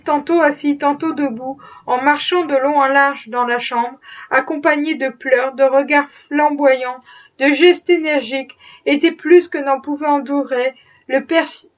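A woman reading a classic novel aloud in a steady, expressive way. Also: sits high, muffled recording. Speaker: audiobook reader.

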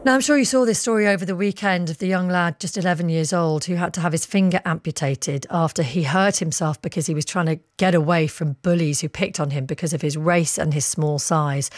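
Low-voiced British woman, radio presenter. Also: fairly quick, hardly any pauses, dry recording, studio quality. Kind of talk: live news and phone-in presenting. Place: radio studio. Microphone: close studio microphone.

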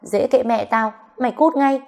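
A woman voicing a hot-tempered young woman who shouts angry insults at a jealous suitor. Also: lowish voice, expressive, fairly quick. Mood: furious.

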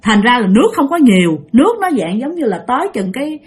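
A woman's voice: fairly high pitch, sing-song, quick pace, breathy edge. A woman telling a ghost story, chatty and emphatic, and talking straight to her listeners. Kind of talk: ghost story narration to an audience.

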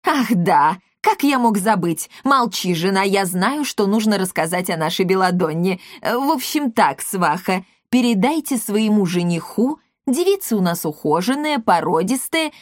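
A woman's voice: mid-range voice, expressive, a little slow, hardly any pauses, no room sound, studio quality, natural voice. A woman voicing a cheerful, boastful and clueless father who is pleased with himself. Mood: jolly.

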